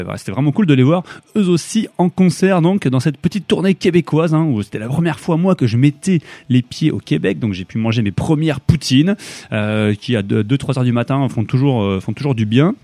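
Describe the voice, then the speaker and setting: The recording is dry, carrying the medium-pitched, mellow voice of a young French radio host. Speaking between songs, he's casual and halting, restarting often and using lots of fillers.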